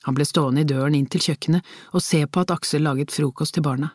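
A reader narrating a crime novel as an audiobook, in measured storytelling with tense inner questions. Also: mid-range voice, steady tone, a little mellow, no echo, studio quality.

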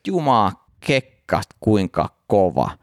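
A man's voice: lowish voice, dry recording, clean studio sound. A man co-hosting a casual podcast, telling stories and acting out the people in them. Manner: animated storyteller, acts out shouted quotes. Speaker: podcast co-host. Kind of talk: casual chat.

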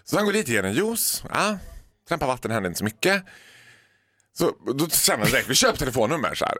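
A young man, a regular guest on a morning radio show, telling stories in campy, animated banter with put-on voices, in a studio. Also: medium pitch, dry recording. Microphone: studio microphone.

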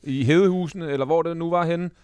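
An easygoing man chatting on a podcast who swears casually. His voice is smooth and clear, pitched fairly high, with a dry close sound. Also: darkish tone, dry recording. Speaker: podcast co-host. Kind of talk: casual chat.

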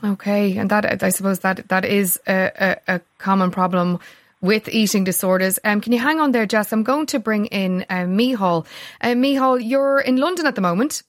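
A woman's voice: mid-range voice, moderate pace, no echo. Irish woman radio host, dry studio sound. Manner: tentative, careful questioning. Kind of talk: radio interview.

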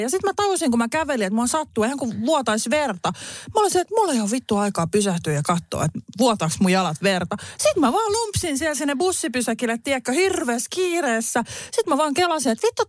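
Woman, 30s, podcast co-host. Higher voice, dry and close, animated storyteller. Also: no echo. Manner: animated storytelling, swearing, frequent laughter. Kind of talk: casual chat.

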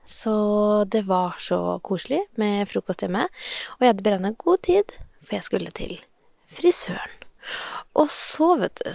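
A woman's voice: a little high, gravelly, no echo. A woman in her thirties hosting her own podcast, telling a story in a chatty, self-mocking way, recorded outdoors. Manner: chatty, self-mocking, animated retelling with laughs. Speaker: podcast host. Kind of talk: casual storytelling monologue. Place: outdoors in the sun by a shed.

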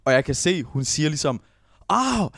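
Male co-host, eager interjector with a slightly high voice and a dry sound. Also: sing-song, creaky, a bit bright, no room sound. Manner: eager, keeps cutting in to add his side of the story. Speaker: podcast co-host. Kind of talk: casual chat.

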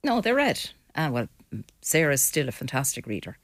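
A woman's voice: deep voice, big pitch swings, normal speed, no room sound, clean studio sound. An older woman with a west of Ireland accent, talking casually and bluntly as a guest on a panel discussion. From Mayo, west of Ireland.

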